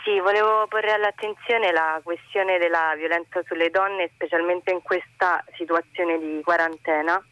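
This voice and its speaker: Radio phone-in caller, a woman from Rome, earnest, steady even delivery, muffled phone sound. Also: fairly low pitch, no room sound. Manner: earnest, searching for words with pauses. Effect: heard over a phone line. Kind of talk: phone-in comment on a call-in radio show. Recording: dull lo-fi phone line, dry.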